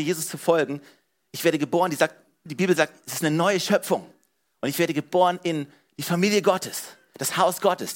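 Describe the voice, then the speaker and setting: A man's voice: sits high, a bit bright. A man preaching a sermon as pastor, speaking earnestly and straight to his congregation. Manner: earnest, direct address to the congregation with repeated "hey" and "ja".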